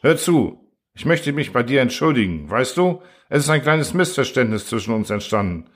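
Man voicing an impulsive, energetic inventor. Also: medium pitch, normal speed, voice pushed up. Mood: eager.

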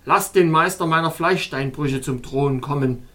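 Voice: medium pitch, moderate pace, a bit bright, voice pushed down, lightly acted. A reader voicing a cold, dignified king of an ice realm in an audiobook, speaking in a stately, cool manner. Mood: commanding. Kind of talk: audiobook character voice.

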